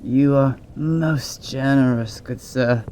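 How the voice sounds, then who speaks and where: A man's voice: mid-range voice, slow, a little mellow, a little hiss or hum, lightly acted. A man voicing a sly, fawning hunchbacked peasant in a fantasy audiobook. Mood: obsequious. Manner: fawning, wheedling.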